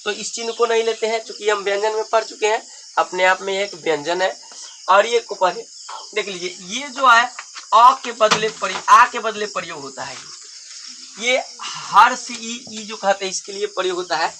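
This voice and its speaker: A man teaching a grammar lesson, explaining slowly and pointing at symbols one by one. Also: high voice. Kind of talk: Hindi grammar lesson at a board. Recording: noisy background with insects.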